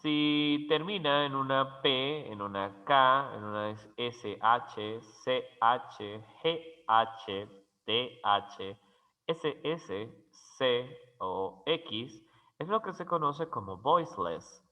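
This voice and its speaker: Male teacher, slow careful grammar lesson, spells out letters, muffled lo-fi sound, long reverb. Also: medium pitch, expressive. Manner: spells out letters and repeats example words slowly. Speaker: English teacher.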